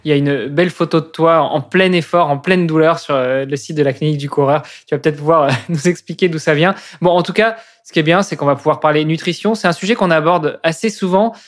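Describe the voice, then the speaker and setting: A man's voice: fairly high pitch, fast, hardly any pauses. A man hosting a podcast in a casual way, with frequent hesitations and filler sounds. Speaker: podcast host.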